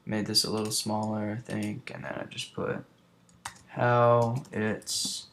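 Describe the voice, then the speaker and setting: Casting: young male tutorial maker, gravelly low voice, rambling and mumbly, with keyboard clicks and faint hiss behind him. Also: little pitch movement, takes it slowly, fairly bright tone. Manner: rambling, mutters under breath while working. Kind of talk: casual screen-recorded tutorial.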